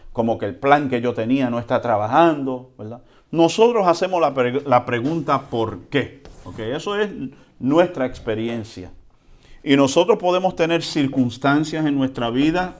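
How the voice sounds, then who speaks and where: Man, pastor, sermon, chatty preaching, quiet then loud, average pitch. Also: moderate pace. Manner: conversational preaching, asks the congregation for responses; lively swings between soft and loud, with chuckles.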